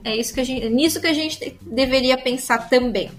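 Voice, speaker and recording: Soft music plays behind a high-pitched, brisk female voice. She's a sommelier guest with a Brazilian Portuguese accent, chatting casually and explaining at length with plenty of filler tags and false starts.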